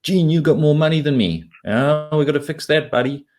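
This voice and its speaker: This investment commentator, a man from southern Africa, has a fairly high-pitched, darkish voice and talks fairly fast. As an interview guest he explains his views in a blunt, informal way, dropping casual swear words.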